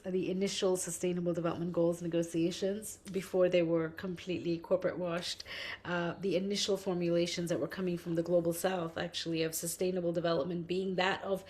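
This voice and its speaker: Woman, middle-aged, from Indonesia, somewhat low voice, reflective interview talk, long chained lists. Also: level tone, brisk, a little mellow. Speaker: interviewee, debt justice researcher.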